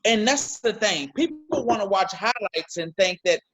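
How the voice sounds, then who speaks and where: A man's voice: high-pitched, poor audio. Man, sports podcast co-host, emphatic, repeats words, casual talk, video call. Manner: emphatic, talks fast and repeats words when excited.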